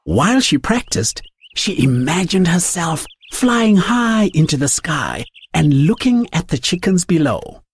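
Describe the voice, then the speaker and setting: A woman reading a children's storybook aloud in an expressive, sing-song manner. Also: fairly low pitch, unhurried, breathy edge, no room sound, studio quality.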